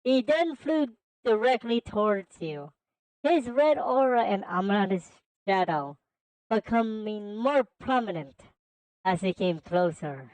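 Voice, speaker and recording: A woman reads a story aloud in an easy, unhurried way and drops chatty asides between the passages. Her voice sits at an ordinary pitch. It is recorded dry and close, with no room sound. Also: expressive, a little mellow, no echo, poor audio. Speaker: story reader. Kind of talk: casual reading of a fan story.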